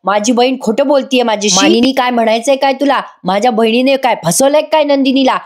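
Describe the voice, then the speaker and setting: A woman's voice: fairly high pitch, quick pace, natural voice. A woman voicing a stubborn middle-aged father in her own voice, speaking sternly and dismissively.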